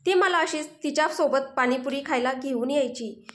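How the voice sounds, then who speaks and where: Woman doing a grieving young woman, high voice, tearful, pleading, stammering, audio storybook. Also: measured pace, a bit bright. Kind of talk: Marathi audio story dialogue.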